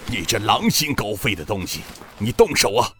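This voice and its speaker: A male storyteller voicing a fierce, defiant old sect master in his seventies or older, who shouts his defiance. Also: lowish voice, sing-song, normal speed.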